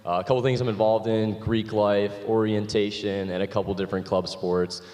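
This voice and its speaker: A young man from Florida, a business student, introducing himself in a relaxed, hesitant way. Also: fairly low pitch, a little fast. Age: young adult. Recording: hissy hall.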